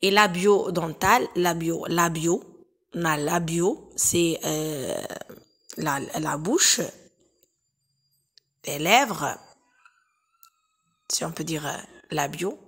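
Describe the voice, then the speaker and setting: A woman teacher explaining exam exercises in a recorded lesson, hesitant and full of filler pauses, repeating each example slowly and patiently. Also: low voice, slightly rough.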